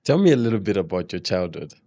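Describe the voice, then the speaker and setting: A man's voice: deep voice, big pitch swings, fast, warm tone, no echo, studio quality. A man, an interview host asking questions in a casual conversational way.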